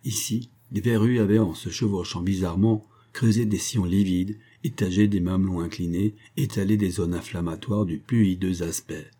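A man narrating a classic novel as an audiobook in a measured, even storytelling delivery. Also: low voice, breathy edge.

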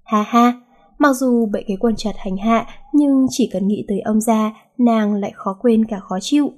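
A woman narrating a romance novel in a lively, amused storytelling manner. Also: fairly high pitch, moderate pace. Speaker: audiobook narrator.

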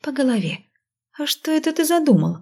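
A woman's voice: high-pitched, brisk, creaky, voice pushed up, exaggerated voice. A woman playing a feisty, teasing heroine. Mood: alarmed. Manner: bright, lively, teasing retorts. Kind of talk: audiobook reading.

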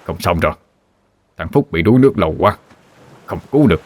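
Man as stern old villager; low, quick, commanding, dry close mic. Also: lively intonation, dry recording. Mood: urgent. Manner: urgent, commanding.

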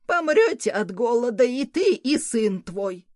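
A woman's voice: fairly high pitch, big pitch swings, a little mellow, no room sound, clean studio sound, pitched above the performer's own voice. Woman putting on a grumbling old crone. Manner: grumbling, disapproving, slow. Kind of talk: audiobook character voice.

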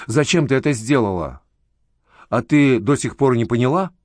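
A man's voice: mid-range voice, animated, moderate pace, darkish tone, no echo, studio quality, close to an everyday voice. A man voicing a young new mother who is emotional, lovesick and desperate, pleading and accusing by turns, in a spoken story.

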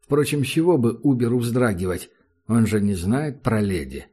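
Male audiobook narrator, measured and ominous, mellow dark timbre, even pace. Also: medium pitch, breathy edge. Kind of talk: scripted narration.

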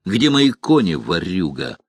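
A man's voice: deep voice, big pitch swings, unhurried, breathy edge, dry recording, exaggerated voice. A man voicing a stout, greedy male halfling merchant who talks in a coarse, blustering way.

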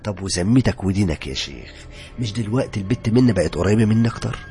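A man voicing a joking, superstitious young male coworker with an Egyptian accent, loud and excitable. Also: on the low side, fast talker, soft background music, pitched above the performer's own voice. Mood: indignant. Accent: Egyptian Arabic.

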